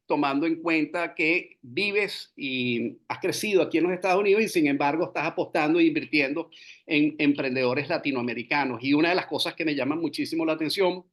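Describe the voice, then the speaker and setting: A man hosts a business podcast, speaking in fluent, flowing sentences that slip in English business terms. His voice sits a little high for a man. He pauses now and then on "eh" fillers. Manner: frequent "eh" fillers. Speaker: podcast host. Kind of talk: scripted interview introduction.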